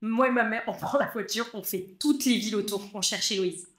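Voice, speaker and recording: A young woman co-hosting a podcast, jumping in with quick remarks in casual chat. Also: medium pitch, echoey room. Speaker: podcast co-host.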